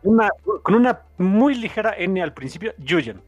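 A man's voice: sits high, moderate pace, a little mellow, no echo, dull audio, soft background music. A man co-hosting a comics podcast, joking and laughing easily in casual chat. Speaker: podcast co-host.

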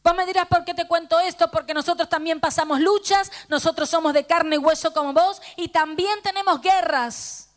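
A woman's voice: very high voice, steady tone, moderate pace, hardly any pauses. A middle-aged woman pastor with a Rioplatense Spanish accent, fervently telling a personal testimony in a sermon and quoting the people in it. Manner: fervent storytelling, quoting dialogue.

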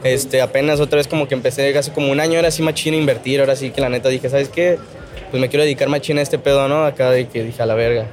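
A man's voice: medium pitch, steady tone, fast. A Mexican man chatting casually in colloquial street slang, as a guest. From Michoacán, Mexico. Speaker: guest, amateur musician.

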